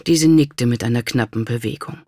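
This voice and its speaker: Measured audiobook narrator, dry sound. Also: medium pitch, dry recording. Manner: even, measured storytelling. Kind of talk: scripted narration.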